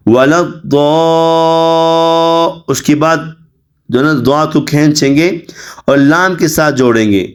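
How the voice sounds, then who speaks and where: A man teaching the rules of Quran recitation in a Pakistani Urdu accent, explaining plainly and reciting examples slowly. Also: on the high side. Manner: clears his throat now and then.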